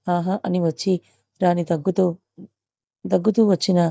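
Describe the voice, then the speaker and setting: A woman narrating an audio story in a steady, even reading manner. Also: on the low side, creaky, no room sound, dull audio.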